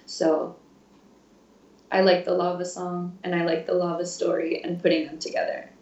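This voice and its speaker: A woman's voice: lowish voice, completely flat delivery, moderate pace, gravelly, a little mellow. A woman in her twenties, a music therapy intern, chatting casually in an interview with frequent fillers and laughs. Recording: roomy, distant, dull sound.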